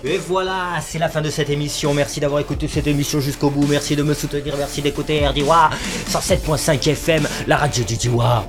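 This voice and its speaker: A man hosting a comedy radio show, briskly thanking listeners as he signs off. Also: on the high side, steady tone. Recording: music bed under voice.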